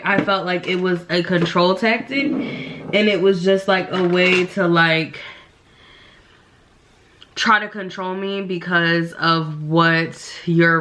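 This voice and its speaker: With background noise around her, a young beauty vlogger speaks in a lowish voice, slightly nasal from the flu, rambling casually with lots of fillers as she gets ready at home on camera.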